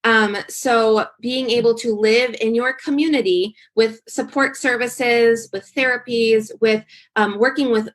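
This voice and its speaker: A woman's voice: fairly high pitch, fairly even intonation. A woman working as an occupational therapist, answering interview questions in an explanatory way with frequent fillers. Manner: explanatory, many um fillers, fast bursts.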